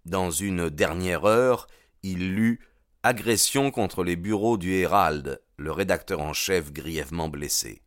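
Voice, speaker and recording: A male audiobook narrator with a very low voice. He tells the story in a measured, grave manner, recorded close and dry with no room sound. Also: dry recording. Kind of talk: scripted narration.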